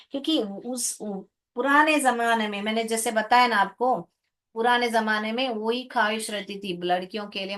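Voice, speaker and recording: Woman, teacher, slow talker, fairly high voice, patient, classroom explanation. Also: a bit bright. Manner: patient, calls students "beta", asks checking questions; sounds out English words slowly. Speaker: school English teacher.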